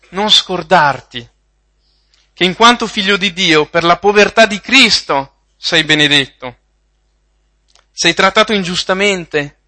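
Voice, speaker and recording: A man preaching a sermon, reading Bible passages and repeating phrases with slow emphasis. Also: high-pitched, pushed and bright.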